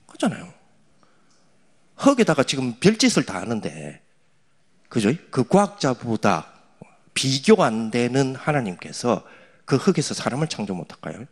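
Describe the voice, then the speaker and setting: A middle-aged man preaching a sermon to young adults. He talks in a teasing, conversational way and swings from loud lines to hushed asides. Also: mid-range voice, husky. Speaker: pastor.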